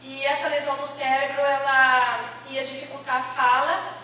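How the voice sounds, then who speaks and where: High, bright Brazilian woman testifying in an echoey church. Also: flat delivery, normal speed. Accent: Brazilian Portuguese. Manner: emotional storytelling, acting out dialogue. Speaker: church member giving testimony. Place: church hall, indoors. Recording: echoey church hall from far off.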